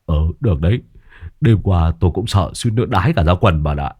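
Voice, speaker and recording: A man's voice: low voice, expressive, brisk, darkish tone, husky. Man doing a stammering, frightened addict. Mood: nervous. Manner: stammering, pleading. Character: cowardly, frightened young male addict.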